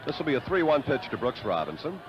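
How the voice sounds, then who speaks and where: A man calling baseball play-by-play in a classic, measured announcer style, on old 1970s broadcast audio. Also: mid-range voice, very animated. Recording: dull, noisy vintage 1970s broadcast audio. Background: loud stadium ambience and noise.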